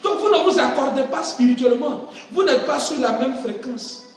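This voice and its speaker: A man preaching a sermon, fervent and swinging between shouting and quiet, calling to the congregation for responses. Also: extremely high pitch, expressive, normal speed. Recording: echoey hall from far off, music.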